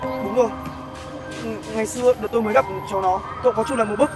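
A man's voice: high-pitched, rapid-fire, natural voice. An actor playing a kind man who defends the orphan boy he adopted, speaking firmly and reasoning with the mother in a scripted web sitcom. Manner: firm and protective, reasoning calmly. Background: background music.

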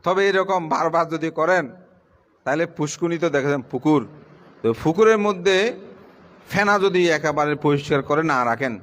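A middle-aged Buddhist monk delivering a sermon to lay followers in a plain, conversational way, his voice sinking low as he finishes each point. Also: moderate pace, fairly bright tone. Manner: plain conversational preaching, pitch drops at the end of points.

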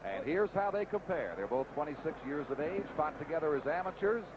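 Male live boxing broadcaster, high-pitched, very loud arena din underneath. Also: lively intonation, brisk, phone-quality sound. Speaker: play-by-play boxing commentator. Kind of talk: live sports broadcast commentary. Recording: loud crowd noise behind voice. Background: roaring arena crowd.

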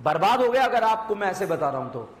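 A man teaching chemistry to a class, loudly firing quick questions at the students and scolding them with teasing remarks. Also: sits high, sing-song. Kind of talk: classroom lecture. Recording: echoey room with crowd noise.

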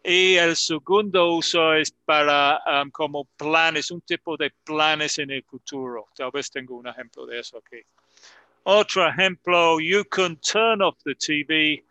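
Slow, bright-voiced male English teacher. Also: on the high side, no room sound. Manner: slow, careful, models pronunciation by repeating sentences. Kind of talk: online class explaining grammar.

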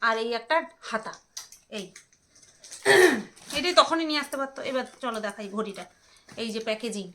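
A woman's voice: a little high, animated, moderate pace, long pauses, bright, forceful tone, a little hiss or hum. A woman, chatting casually as she unboxes items and teases her husband. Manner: teasing, bickering with her husband. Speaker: vlogger. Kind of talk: casual home vlog, unboxing.

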